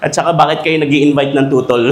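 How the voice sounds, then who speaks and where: A man giving a humorous, animated talk to teachers in a school hall. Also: a little high, brisk, very noisy. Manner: animated, joking, acts out quoted voices. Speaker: speaker at a teachers' seminar. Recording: echoey hall.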